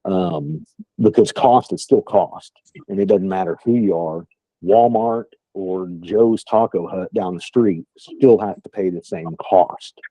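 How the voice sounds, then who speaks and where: Deep raspy guy w/ thick west texas twang, folksy trainer talking on a dull lo-fi call. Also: measured pace, mellow, no echo. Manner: folksy, plain-spoken. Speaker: sales trainer. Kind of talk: informal training talk on a call. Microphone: phone or online call.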